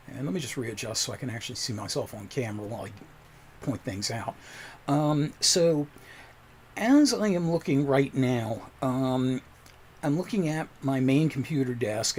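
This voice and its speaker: A man's voice: medium pitch, a little hiss or hum. A man hosting a casual livestream from his home computer desk, talking into a desk microphone in a chatty, rambling, self-deprecating way. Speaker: livestream host.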